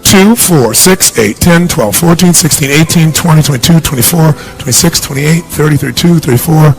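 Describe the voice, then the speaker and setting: A middle-aged man giving a punchy, energetic seminar speech to a large audience in a big hall, asking the crowd questions. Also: fairly high pitch, moderate pace. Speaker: motivational speaker.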